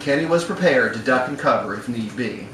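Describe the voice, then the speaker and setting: Over a crowd in the background, a man reads a literary short story aloud with wry, storyteller flair, his medium-pitched voice animated and brisk. The live bar-room setting makes for echoey, noisy audio from a distant mic.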